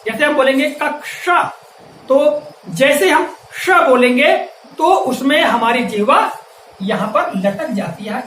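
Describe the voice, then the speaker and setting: A man teaching a grammar lesson, carefully spelling out sample words with deliberate, emphatic enunciation. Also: extremely high pitch, fairly bright tone. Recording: echoey room, voice from a distance, faint ambient hiss.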